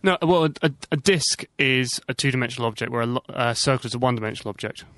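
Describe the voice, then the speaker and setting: A man co-hosting a comedy podcast, joking quickly with nerdy asides. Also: mid-range voice, a bit bright, no room sound. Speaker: co-host.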